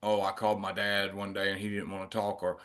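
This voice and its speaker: A man's voice: lowish voice, monotone, fast talker, fairly bright tone. A man interviewing a guest, asking long, rambling, probing questions. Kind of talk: casual interview.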